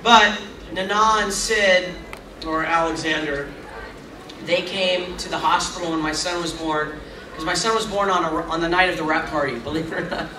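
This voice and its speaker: A middle-aged man, voice a little high, keeps a steady tone at normal speed as he answers fans at a convention panel. He rambles chattily and jokes at his own expense in this casual Q&A. Taped from far off in a large convention hall, the sound is noisy and echoey.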